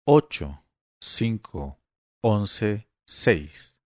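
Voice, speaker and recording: A man doing a calm, weary grown son. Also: lowish voice, drawn-out words, no room sound, studio quality, heavily acted. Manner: calm, flat, tired. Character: patient, weary adult son.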